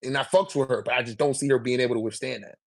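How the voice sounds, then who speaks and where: With a mid-range voice, vocal fry and fairly even intonation, a debater on a manga ranking podcast races through a casual argument. His talk is full of slang and swearing, punctuated again and again by "you know what I'm saying".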